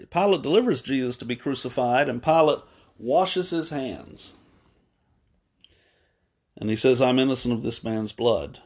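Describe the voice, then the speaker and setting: A male preacher speaks at an ordinary mid-range pitch. He talks his way through a story in an unhurried way, stopping on fillers and fixing his own slips. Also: a little mellow. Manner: unhurried, pausing with fillers and self-corrections. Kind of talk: unscripted sermon retelling.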